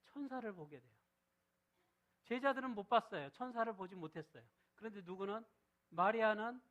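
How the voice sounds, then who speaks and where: A middle-aged man preaches to his congregation, his voice sitting a little above the usual male register. He keeps asking questions and answering them himself. He leans hard on key words, then drops to a quiet, low delivery when he reads scripture. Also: rough recording. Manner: shifts between loud stress and soft low reading. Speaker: pastor. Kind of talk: sermon.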